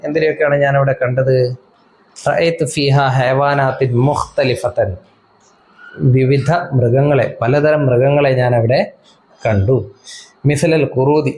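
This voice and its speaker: A man teaching an Arabic lesson, reading phrases slowly and explaining each one to students. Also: mid-range voice, a little mellow, poor audio. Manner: asks rhetorical questions of students.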